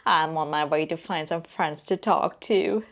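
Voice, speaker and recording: A woman's voice: low voice, unhurried, creaky. A woman voicing an ordinary, friendly little worm in a storybook tale, with a polite and earnest way of speaking.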